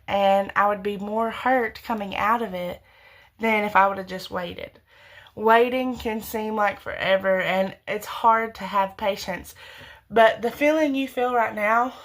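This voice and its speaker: Talking casually to camera about faith, a young woman of about twenty gives sincere, rambling advice directly to viewers, often backtracking and correcting herself. She has a mid-range, slightly bright voice.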